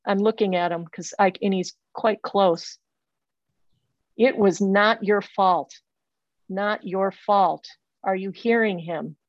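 A woman's voice: mid-range voice, unhurried, no echo, highs cut off. A woman giving a psychic reading over a remote call, earnest and insistent, often stopping and repeating her phrases. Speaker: psychic medium.

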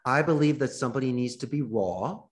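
A man speaking as a guest in a podcast interview, with a plain mid-pitched voice. He talks with animation and breaks into quoted lines to act out sample phone calls. His delivery is coaching and talkative. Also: expressive, fairly quick. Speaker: guest, call center owner.

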